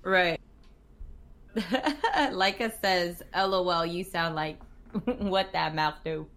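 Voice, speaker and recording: A woman's voice: on the low side, drawn-out words, fairly bright tone. A woman co-hosting a live-streamed chat podcast. She teases her co-host, laughs often and reads viewer comments aloud.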